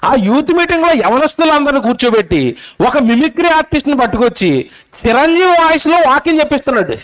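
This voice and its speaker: High-voiced preacher, scolding questions. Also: male voice, lively intonation, fast talker, a bit bright. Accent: Telugu. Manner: rhetorical questioning, scolding and insistent. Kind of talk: sermon. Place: convention stage.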